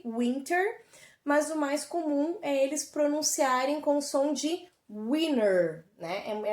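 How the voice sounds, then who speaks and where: A woman with a Brazilian Portuguese accent, teaching an English lesson remotely and explaining words slowly and clearly to children. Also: sits high, darkish tone, reverberant.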